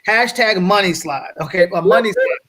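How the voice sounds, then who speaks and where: Man, high voice, energetic slide presenter, frequent check-ins, video call audio. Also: normal speed, a crowd in the background. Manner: energetic, checks in with "right?" often. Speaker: guest speaker on wealth building. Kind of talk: slide presentation to an online audience.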